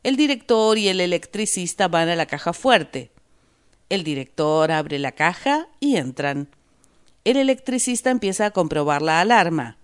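A woman teacher reading a word list and a story aloud in a clear, deliberate way for learners. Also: on the low side, animated. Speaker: language teacher. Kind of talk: slow scripted narration for learners.

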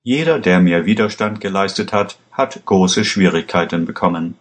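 A man reading a story aloud, voicing a corrupt policeman who speaks calmly, steadily and with command. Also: deep voice, moderate pace, lightly acted. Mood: calmly threatening. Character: calm menacing corrupt male policeman.

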